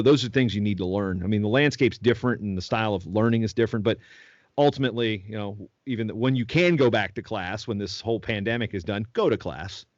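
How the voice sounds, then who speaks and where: With a voice on the low side, this middle-aged podcast guest from Virginia, in his 40s, rambles through long stories and restarts often during a casual interview. The dull lo-fi recording is dry, with no room sound.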